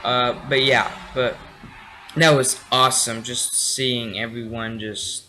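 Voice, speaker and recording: A man's voice: mid-range voice, fairly even intonation, slow pace, pushed and bright, poor audio. A tired young man casually reviewing a TV episode late at night, rambling with many fillers and restarts. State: tired, yawning.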